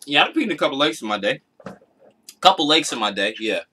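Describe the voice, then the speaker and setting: A man's voice: medium pitch, very animated, quick pace, pushed and bright, a little hiss or hum. A man chatting casually and playfully in slang as he hosts a home vlog. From Arkansas, United States. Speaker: mukbang vlog host. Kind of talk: casual chat. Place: small indoor room at home.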